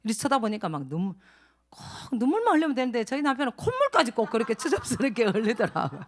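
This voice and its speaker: A middle-aged woman giving a lively church testimony, telling her story with laughter and acted-out quotes. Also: fairly high pitch, quick pace. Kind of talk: testimony talk at a church training session.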